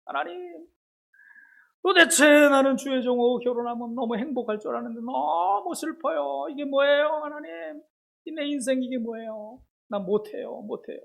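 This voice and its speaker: Sermon bit: a man acting a grumbling young pastor's wife, high and pleading. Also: animated, brisk, gravelly, breathy edge, exaggerated voice. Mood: tearful. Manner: whiny, complaining, tearful pleading.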